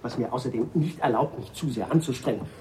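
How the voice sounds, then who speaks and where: An actor playing a chaste, panicky old ex-friar who stammers and sounds stuffed up from a cold. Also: male voice, medium pitch, fast talker, mellow, slight background noise, close to an everyday voice, low-quality recording. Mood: flustered. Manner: stammering, flustered, breathless outbursts.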